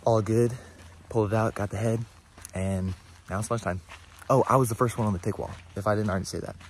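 A man's voice: fairly low pitch, fairly even intonation, fast talker, a little hiss or hum. A young man talking casually to his phone camera while he works at a summer camp. He rambles with many fillers and sounds worn out by the end of the day. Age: young adult. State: tired. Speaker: vlogger, camp staff. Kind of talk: casual vlog talk to camera. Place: outdoors at a summer camp, and on a cabin floor. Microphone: phone held at arm's length.

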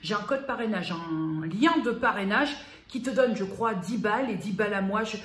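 A woman's voice: mid-range voice, normal speed, a bit bright. A woman vlogger chatting casually and familiarly to her viewer, a little self-mocking. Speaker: beauty vlogger. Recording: roomy echo, faint background noise.

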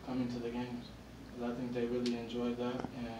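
Brief: young male college player, very flat measured answers, far from the mic, noisy room. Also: medium pitch, reverberant. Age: young adult. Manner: measured, repeats "I think". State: ankle injury, wearing a boot. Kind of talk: postgame press conference answers. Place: press conference room with backdrop. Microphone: table mic, picked up by a far camera.

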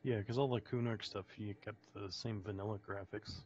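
A man on gaming voice chat explaining technical details, pausing with fillers. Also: on the low side, fairly even intonation, a little mellow. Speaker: online game player. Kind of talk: casual voice chat while gaming. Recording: dull lo-fi voice chat audio.

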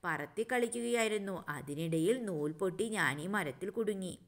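A woman's voice: mid-range voice, lively intonation, moderate pace, natural voice. A woman voicing a kite caught in a tree, telling its story in a storybook dialogue for children, close to her own teaching voice. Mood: plaintive. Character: kite stuck in a tree, upset.

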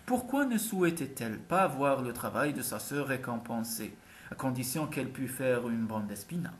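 A man narrating an audiobook chapter in an expressive storytelling manner. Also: medium pitch, normal speed. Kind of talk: scripted narration.

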